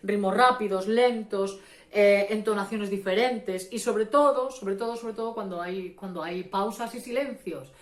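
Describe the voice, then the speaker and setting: A woman's voice: medium pitch, a little slow. A woman with a Spanish accent giving an informal theatre workshop lesson, explaining with many fillers and restarts. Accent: Spanish from Spain. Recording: echoey room.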